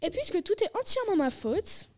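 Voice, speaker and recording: A woman voicing a clever, cheerful male fox father in a storybook reading, with a lifted, lively voice. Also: very high-pitched, fairly quick, voice pushed up. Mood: generous cheer.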